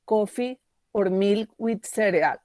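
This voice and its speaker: A woman, a student reading her English homework aloud in a halting way, restarting words. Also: medium pitch, mellow, no room sound. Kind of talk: reading a class answer aloud. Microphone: video call.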